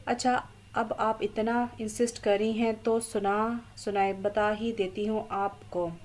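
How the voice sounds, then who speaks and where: A woman reading as a bubbly, teasing young girl in an audio novel, chattering away with playful drama. The voice is mellow and warm. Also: mid-range voice, little pitch movement, measured pace, close to an everyday voice.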